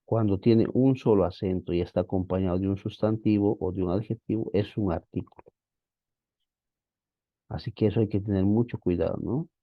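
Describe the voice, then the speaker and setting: A man's voice: lowish voice, steady tone, normal speed, no room sound, narrow, tinny audio. A man teaching a biblical Greek class online, explaining patiently and calling his students brothers.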